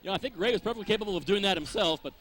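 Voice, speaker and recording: Bright, high-pitched male wrestling commentator. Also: racing. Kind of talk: live sports commentary.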